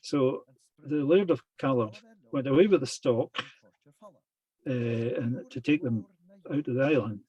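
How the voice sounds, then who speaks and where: Guy giving a talk on old folk stories, slow n halting, bit husky, careful with his words. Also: medium pitch, warm tone, highs cut off. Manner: halting, deliberate delivery. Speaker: lecturer. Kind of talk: lecture retelling traditional tales.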